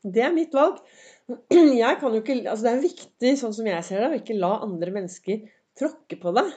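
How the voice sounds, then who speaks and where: A woman hosting a podcast in a chatty, encouraging motivational monologue, her voice slightly hoarse and her throat often cleared, with many fillers. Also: a little high, expressive, warm tone, lo-fi sound. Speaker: podcast host. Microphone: semi-pro recording setup.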